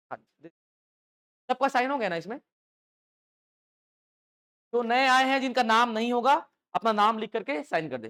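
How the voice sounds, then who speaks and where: A man teaching English to exam aspirants in a live classroom lecture, constantly quizzing students with call-and-response questions. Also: high voice. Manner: call-and-response questioning, lively rhetorical checks.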